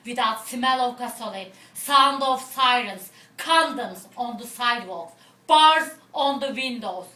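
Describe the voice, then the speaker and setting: A woman poet giving a slow, deliberate poetry reading in a bar. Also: mid-range voice, bright, forceful tone. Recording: roomy, distant mic with noise.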